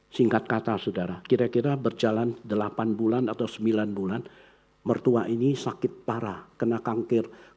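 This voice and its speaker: A male pastor preaches through a story, jumping up in pitch to act out each person in it. His voice is husky and sits at an ordinary middle pitch. He tells it casually, as though talking to his congregation. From Indonesia. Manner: animated storyteller, acting out quoted voices with big pitch jumps. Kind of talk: sermon with storytelling.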